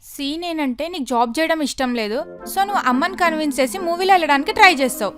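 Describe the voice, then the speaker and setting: A young woman playing a bossy young film director in a comic short film, brisk and giving orders. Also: sits high, over music, close to an everyday voice.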